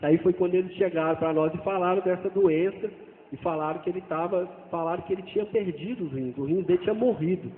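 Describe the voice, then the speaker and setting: A man, a father, gives an earnest personal testimony in church, talking haltingly and repeating phrases as he goes. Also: high-pitched, a little hiss or hum. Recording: tinny, echoey hall sound.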